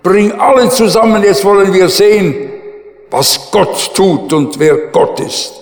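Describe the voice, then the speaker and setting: A man voicing a fiery, commanding old male prophet in a retold story, proclaiming loudly and emphatically. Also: a little high, a little slow, lightly acted. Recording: echoey hall.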